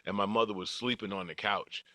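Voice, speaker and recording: An older man, a podcast guest, reminisces casually about his life, chuckling through anecdotes and acting out dialogue. His voice is fairly low, steady and sharp in tone, delivered briskly with no room sound.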